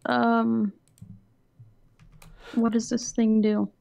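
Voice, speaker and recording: A woman's voice: fairly high pitch, little pitch movement, drawn-out words, vocal fry, darkish tone, dry recording. A woman playing a tabletop game, talking casually and hesitantly as she thinks aloud.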